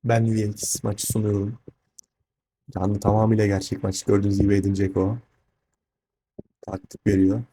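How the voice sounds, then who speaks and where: A man's voice: fairly low pitch, completely flat delivery, normal speed, long pauses, dark tone, a little hiss or hum, poor audio. A man hosting live football commentary, often repeating players' names and short phrases. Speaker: football commentator and channel host. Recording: music and crowd behind the voice.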